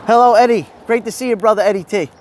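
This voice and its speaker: A middle-aged Italian-American man with a Brooklyn accent speaks fast and high-pitched while livestreaming his walk down a city street. He chats casually in reply to viewers. The recording is full of street ambience and passing vehicles.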